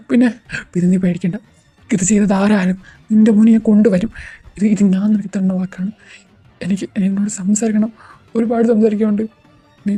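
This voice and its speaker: A woman's voice: mid-range voice, dark tone, slightly rough, lightly acted. A woman playing a young male boss who stammers and pleads urgently in an amateur audio drama.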